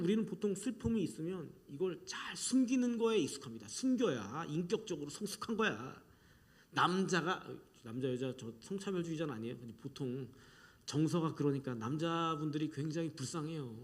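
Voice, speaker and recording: A middle-aged man preaching a sermon with a fairly high voice. He delivers it in a lively, animated way, slipping into quoted voices and sinking to near-whispers for emphasis. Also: moderate pace. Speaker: pastor.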